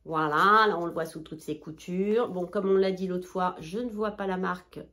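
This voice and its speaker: A woman's voice: lowish voice, fairly even intonation, normal speed, a bit bright. A woman filming a chatty haul vlog indoors under a ring light, bubbly and self-mocking as she talks straight to her viewers. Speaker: haul vlogger, mother of two daughters.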